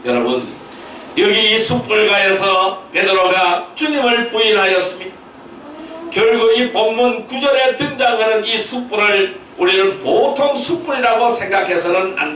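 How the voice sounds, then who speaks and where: A man pastor delivering a Sunday sermon, emphatic, asking rhetorical questions and rising to shouted peaks, recorded in a church sanctuary. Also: high voice, slight background noise. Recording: very echoey hall, mic at a distance.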